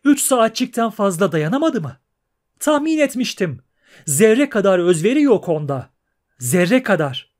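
Man doing a shrill, sing-song mermaid girl. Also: very animated, a little slow, a little mellow. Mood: surprised, scornful. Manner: high, sing-song and chirping.

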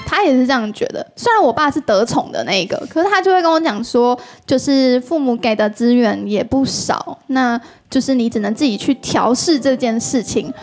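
A woman's voice: sits high, fairly quick, hardly any pauses, faint music behind. A woman with a Taiwanese Mandarin accent, a talk show guest telling a story casually and acting out the voices of the people in it. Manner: animated, acts out quoted dialogue.

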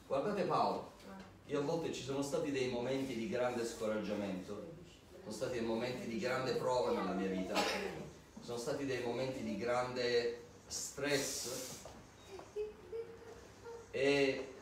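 A man's voice: mid-range voice, unhurried, long pauses. A male pastor reading scripture aloud and then preaching from his own life, in a sermon. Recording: very echoey hall, voice from far off, faint noise.

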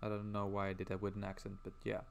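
A man's voice: lowish voice, monotone, quick pace, vocal fry, clear, resonant tone. A man streaming casually as he draws, rambling and chatting while reading out viewer messages. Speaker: livestreamer.

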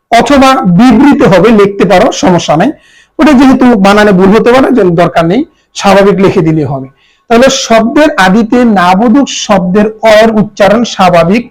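A teacher giving a patient exam-prep grammar lesson. The voice sits at a middle pitch, and each example word is repeated slowly. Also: rough recording.

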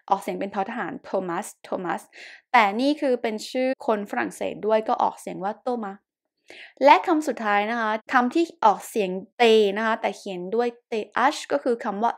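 A woman from Thailand teaching French pronunciation, repeating each word slowly and patiently with polite, gentle phrasing. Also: on the high side, creaky. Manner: slow, patient word-by-word repetition. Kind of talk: pronunciation lesson.

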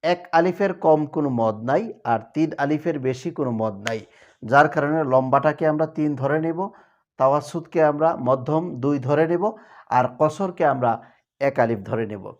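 Over dull-sounding audio, a man whose voice sits a little high teaches Quran recitation rules in a TV lesson. He goes step by step and chants verses slowly to show examples.

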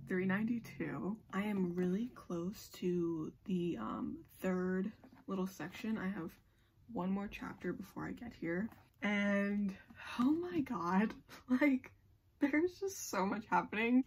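A woman's voice: medium pitch, a little mellow, slight background noise. A woman vlogger chatting casually and gushing to her viewers, with plenty of likes and ums. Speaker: book vlogger. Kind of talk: casual chat.

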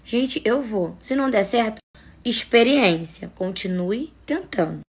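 Husky, high-voiced young Brazilian woman vlogging. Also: animated, unhurried. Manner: gushing, emotional, laughs often. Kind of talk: casual phone-story vlog.

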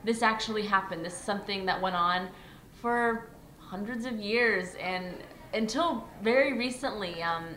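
A woman's voice: mid-range voice, moderate pace, sharp tone, slight background noise. A young woman, an actress, answering interview questions earnestly, with many fillers. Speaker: actress interviewed about a play. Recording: echoey room with faint ambience.

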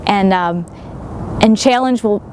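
A woman's voice: mid-range voice, takes it slowly, darkish tone, slight background noise. A young woman in her twenties, a sailor and writer, giving reflective interview answers outdoors at a marina, with many fillers and restarts.

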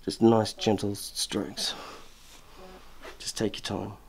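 A man's voice: on the low side, little pitch movement, slow pace, creaky, slight background noise. A middle-aged man, a barber, explaining a trim and shave step by step as he works, often restarting and repeating words, in a barber shop. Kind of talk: step-by-step grooming demonstration.

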